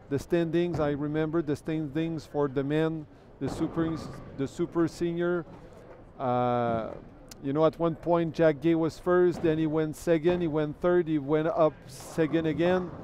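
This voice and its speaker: His voice is a little high with a dark tone, and there's slight background noise as this French-native man calls a bowling event live from the alley. He's chatty, thanks those watching, and repeats words as he thinks.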